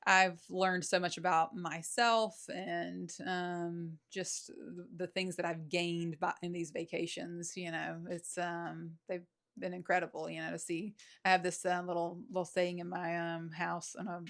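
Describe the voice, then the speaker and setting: A woman with a Southern accent speaks as a podcast guest, reflective and unhurried, often pausing on fillers. Her voice sits low and has a gravelly edge. She keeps her pitch fairly level throughout. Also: level tone, a bit bright. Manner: reflective, hesitant, many fillers. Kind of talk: casual conversation.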